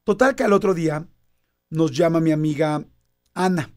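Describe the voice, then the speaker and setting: A Mexican man in his fifties telling a personal story in casual conversation, animated and acting out quoted dialogue. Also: a little high, moderate pace.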